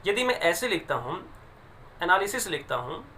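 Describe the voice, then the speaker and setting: A male teacher walks through a poem line by line, reading the English slowly and explaining it in Hindi. His voice is bright and forceful. A faint hiss of background noise sits under the recording. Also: sits high, big pitch swings. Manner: explains English lines in Hindi, stresses pronunciation; slow deliberate reading of English phrases. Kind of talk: classroom lesson explaining a poem.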